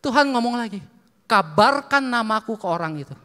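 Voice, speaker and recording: Lively male preacher in a reverberant hall. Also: very high-pitched, moderate pace. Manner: lively storyteller, acts out dialogue, laughs often. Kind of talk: sermon storytelling. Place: church hall. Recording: long reverb of a church hall.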